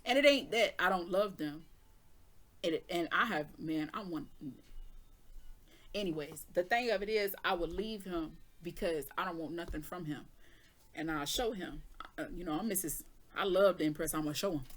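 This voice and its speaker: A woman with a lowish voice does a casual tarot reading at a moderate pace. An adult with children, this tarot reader talks candidly, jokes around, laughs a lot, and swears mildly now and then.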